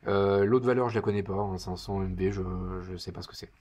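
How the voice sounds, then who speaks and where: A man's voice: lowish voice, steady tone, fairly quick, darkish tone. A man giving casual unboxing commentary in his living room, chatty and hesitant with wry asides. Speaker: product reviewer.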